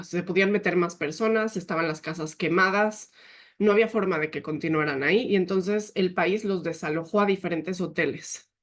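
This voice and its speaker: Earnest woman telling a story. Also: lowish voice. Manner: often quotes herself and others. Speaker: team leader giving a leadership talk. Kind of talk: personal testimony talk.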